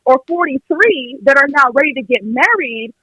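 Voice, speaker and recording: Phoning in to a podcast, this young American woman pushes her point conversationally and with emphasis, frequently voicing what others might say. She has a high, expressive, bright voice with a forceful edge and a moderate pace. There's no echo, but the audio quality is poor.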